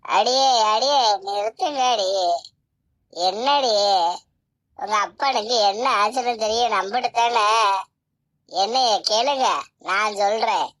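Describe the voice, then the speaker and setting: Lady doing a bossy headman's wife in a cartoon, bright sharp voice, slow and nagging. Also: fairly high pitch. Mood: dismissive. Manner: sharp, scolding, domineering. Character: bossy scolding village headman's wife, middle-aged woman. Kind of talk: cartoon voice acting.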